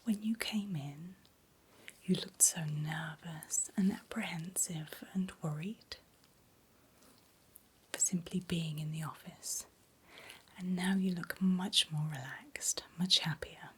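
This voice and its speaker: Whispering breathily and slowly with frequent pauses, a middle-aged woman takes the role of a doctor offering close personal attention in a soothing ASMR medical exam. Her voice is on the low side and husky.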